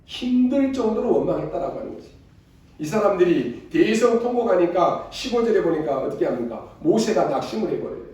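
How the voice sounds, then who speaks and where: A man's voice: high voice, sing-song, brisk, darkish tone. A male pastor preaching a sermon, pressing his point with repeated rhetorical questions to the congregation. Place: church sanctuary. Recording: very echoey church hall, voice far from mic.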